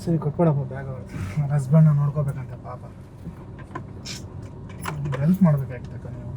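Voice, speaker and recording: Male prank host from Karnataka, quick and teasing with a put-on menace, recorded inside a noisy moving car. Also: medium pitch, steady tone, narrow, tinny audio. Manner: teasing and mock-threatening. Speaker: prank host posing as a driver. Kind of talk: hidden-camera prank talk.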